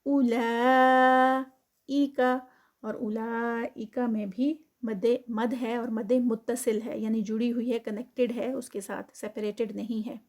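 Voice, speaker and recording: A woman's voice: a little high, little pitch movement, few pauses, dark tone. A woman, teaching tajweed patiently and explaining each letter step by step. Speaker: Quran recitation teacher. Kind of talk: tajweed lesson, explaining then reciting.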